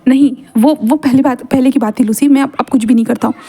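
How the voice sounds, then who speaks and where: A woman's voice: high-pitched, fairly even intonation, quick pace, warm tone, husky. A woman voicing a reserved young man who stammers and hesitates when flustered.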